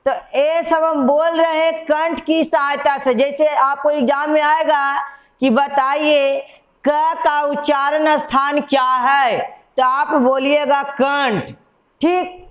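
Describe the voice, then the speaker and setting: A woman's voice: high voice, flat delivery. A woman teaching a grammar lesson, asking the class questions and answering them herself. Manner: repeats key terms as questions to students; slow, patient classroom delivery.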